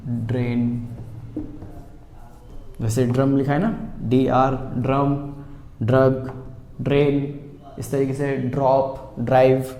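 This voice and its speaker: A man teaching basic English reading in Hindi, sounding out words slowly, repeating them and asking the viewer how to read them. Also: medium pitch, level tone, dark tone, reverberant, a little hiss or hum. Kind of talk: spoken classroom lesson.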